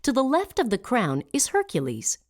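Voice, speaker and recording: A woman reading scripted narration as a smooth museum audio guide, measured and clearly enunciated. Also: a little high, huge pitch swings.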